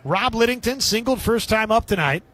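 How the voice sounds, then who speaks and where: This high-voiced male baseball announcer works live radio, narrating the game in short, descriptive bursts the way commentators do on air. He sounds animated and fairly bright, moving at a moderate pace.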